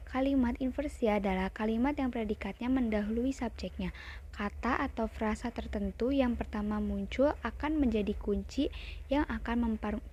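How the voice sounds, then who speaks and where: A woman's voice: fairly high pitch, darkish tone. Woman student reading, faint background noise. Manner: reads with small slips and restarts. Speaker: student presenter. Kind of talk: reading a class presentation.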